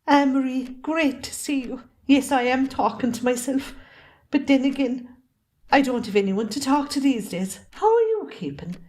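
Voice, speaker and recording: A woman with an Irish accent and a high, animated voice with a darkish tone speaks at a moderate pace. In an amateur stage drama she plays a long-suffering, fiery middle-aged wife and mother, sounding fretful and weary.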